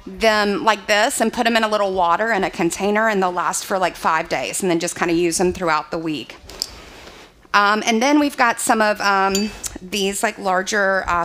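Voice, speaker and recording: A young adult woman chef with a medium-pitched, fairly bright voice gives a live cooking demonstration in an open screened dining hall, chatting along with many fillers.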